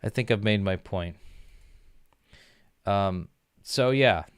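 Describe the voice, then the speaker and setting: A man's voice: on the low side, takes it slowly, smooth, no room sound, studio quality. A young man from the United States chatting casually on a livestream, rambling with lots of fillers and restarts. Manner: rambling, filler-heavy, self-correcting.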